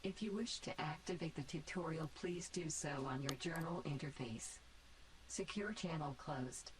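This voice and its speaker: A low, robotic female AI overseer from a video game. She makes formal, clipped announcements in a cold, controlled tone. A faint hiss sits under her processed voice. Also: normal speed. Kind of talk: game character dialogue.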